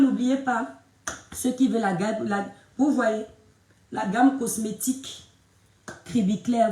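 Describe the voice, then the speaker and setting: A chatty, animated woman hosts a casual live video chat for her followers from her bedroom, calling viewers her stars and sometimes speaking softly so she won't disturb her husband. Her voice is medium-pitched and a bit off-mic, with the roomy echo of a phone recording.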